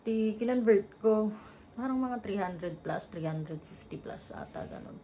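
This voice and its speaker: Chatty young Filipina travel vlogger. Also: female voice, medium pitch, animated, a little slow, mellow, slight background noise. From Philippines. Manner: chatty, laughs often, mixes English in. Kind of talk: casual vlog storytelling.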